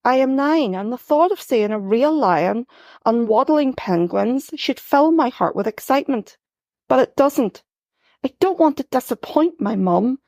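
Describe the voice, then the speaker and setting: Her voice sits high as she reads aloud a first-person story she wrote herself, keeping a measured pace and a gently expressive tone. She lifts her voice whenever characters speak. It's studio quality with no echo.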